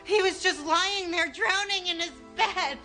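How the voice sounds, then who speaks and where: A sharp, defensive mother. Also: very high-pitched, unhurried, faint music behind, exaggerated voice. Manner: sharp, insistent. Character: older mother, defensive, tense. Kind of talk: TV drama acting.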